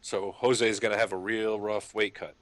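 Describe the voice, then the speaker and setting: A man's voice: lowish voice, little pitch movement, moderate pace, no echo. A man co-hosting a casual podcast, arguing his views with plenty of fillers and some swearing. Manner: argumentative, hedging with fillers, swearing. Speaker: podcast co-host. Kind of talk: casual sports chat.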